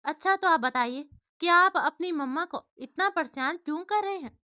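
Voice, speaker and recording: A woman plays a patient young wife in a storybook tale, coaxing and soft-spoken. Her voice sits high and bright. The sound is dry and close. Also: a little slow, no room sound.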